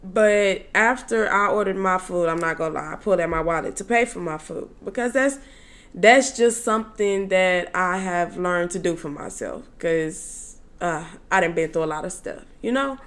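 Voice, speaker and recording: A woman's voice: lowish voice, moderate pace, fairly bright tone. A young woman telling a casual story-time tale to her viewers in a chatty, slangy way, with exasperated asides to them. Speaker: storytelling vlogger.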